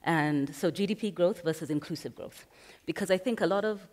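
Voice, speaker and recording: A Kenyan woman speaks as a panelist in a conference hall, earnest and emphatic as she thinks aloud. Her voice is lowish and darkish in tone, and she talks fairly quickly. The hall gives the recording a reverberant sound.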